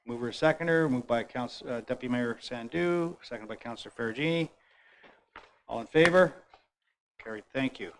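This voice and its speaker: Guy chairing council, brisk procedural talk, bit of faint hiss. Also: mid-range voice, poor audio. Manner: brisk procedural, with fillers and restarts. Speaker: mayor chairing a council meeting. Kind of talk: chairing a town council meeting.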